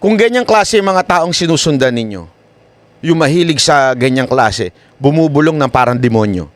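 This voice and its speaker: Guy doing a livestream rant, pitch jumps all over, keeps asking his viewers. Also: lively intonation, moderate pace, no echo. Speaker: online news commentator. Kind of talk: live-stream commentary.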